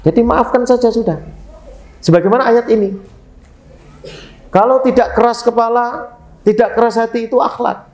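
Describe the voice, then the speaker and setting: A man delivers a sermon in a high, bright register. He keeps it lively and joking. The sound rings around an echoey hall. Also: moderate pace, pauses often. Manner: lively, joking with Javanese phrases. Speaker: preacher.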